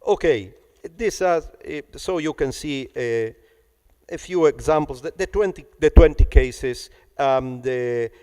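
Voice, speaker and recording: A man giving an academic conference lecture, partly reading from a text, pausing often with "eh" and "uh" and repeating words as he searches for them. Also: mid-range voice, a little mellow, in a large hall. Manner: halting, with frequent "eh" and "uh" fillers and repeated words.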